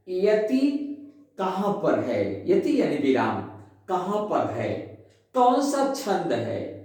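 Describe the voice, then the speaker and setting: A man teaching a Sanskrit lesson. He explains patiently, counts syllables aloud, checks that his listeners follow, and chants the verse slowly in a singing tune. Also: fairly high pitch, darkish tone. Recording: very echoey room, voice from a distance.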